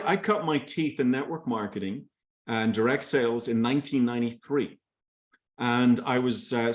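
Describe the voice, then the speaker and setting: A man in his forties from Northern Ireland with a light Belfast accent, giving an enthusiastic motivational talk on a group call, telling his story with many fillers and restarts. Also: medium pitch. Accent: light Belfast Irish. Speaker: company leader speaking on a kickoff call.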